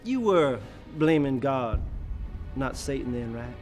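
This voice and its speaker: An actor playing a smooth, cunning lawyer who cross-examines in a cool, quietly needling manner. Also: male voice, medium pitch, sing-song, slow pace, over loud music. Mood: probing.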